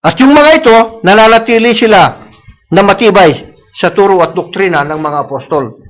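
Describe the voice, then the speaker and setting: Preaching at a church service, a man with a notably high, fairly bright voice speaks plainly, switching between Tagalog and English. He's animated at a moderate pace, repeats himself for emphasis, and tags lines with a questioning "No?". The audio is poor.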